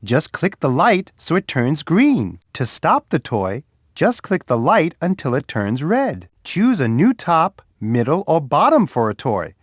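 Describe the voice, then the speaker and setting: A big, gentle bear from a children's game, with a warm, soft, sing-song voice that swoops very widely as he cheers on a young player. He chuckles easily and talks like a kindly friend. The recording is dry and close, with no room sound at all. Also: on the high side, wildly swooping pitch, a little slow, no room sound, exaggerated voice. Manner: encouraging, speaks directly to a child player. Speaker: voice actor for a children's game character. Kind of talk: scripted game voice clips. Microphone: dry studio booth.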